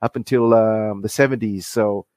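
A man in his forties from Fiji, a comic creator talking as a podcast guest, friendly and halting with many restarts. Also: fairly low pitch, fairly even intonation, a little mellow, no echo, clean studio sound. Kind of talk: casual interview.

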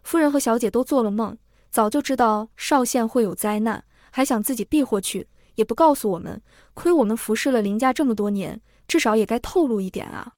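A woman's voice: fairly high pitch, fairly quick, a little mellow, dry recording, studio quality, natural voice. A woman reading as a frantic, scolding servant woman. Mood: agitated. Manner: agitated, scolding. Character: anxious blunt middle-aged servant woman.

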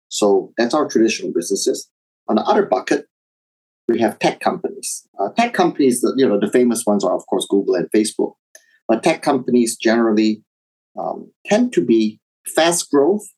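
A middle-aged man from Taiwan, raised in Indonesia, speaking as an interview guest in a measured, reflective way with some fillers. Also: lowish voice, a little mellow, poor audio. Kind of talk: interview, personal background.

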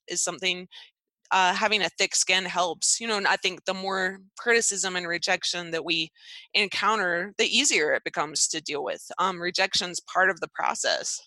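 A woman's voice: lowish voice, pushed and bright, no room sound, poor audio. A woman in casual conversation, speaking as an artist in a reflective, encouraging way.

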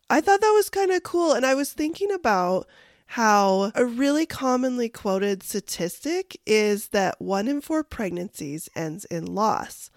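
A woman podcast host talks in a gravelly voice with plenty of fry at the edges. She takes her time, chatting casually and encouragingly straight to the listener. The recording is close and dry. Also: no echo. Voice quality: deep gravelly voice, sounding huskier than usual. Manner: encouraging, addresses the listener directly. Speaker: podcast host and life coach. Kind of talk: solo podcast talk, casual and conversational.

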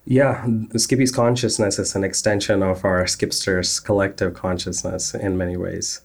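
Founder type, man, low register, earnest and technical, drops "uh" fillers. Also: fairly even intonation, moderate pace, vocal fry. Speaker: startup founder. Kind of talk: interview answers.

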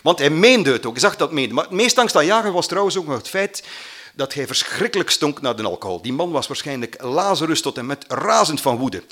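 A man's voice: a little high, a little fast. Flemish man telling a personal story. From Belgium. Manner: animated, acts out quoted voices.

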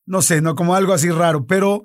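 A man's voice: sits high, fast. A man, hosting a casual chat and telling stories animatedly, acting out the dialogue. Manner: animated storyteller, acts out dialogue.

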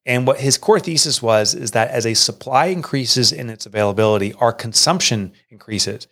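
An earnest middle-aged man speaking as an interview guest. He tells his own story with feeling and a mid-range voice. When he quotes other people, his voice jumps up in pitch. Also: normal speed, fairly bright tone. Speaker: author and entrepreneur guest.

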